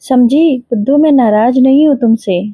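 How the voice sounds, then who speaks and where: Woman reading a gentle old father-in-law. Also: high voice, normal speed, dry recording, narrow, tinny audio. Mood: tender. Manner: soft, fatherly and reassuring. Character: kind elderly widowed father-in-law, gentle and affectionate.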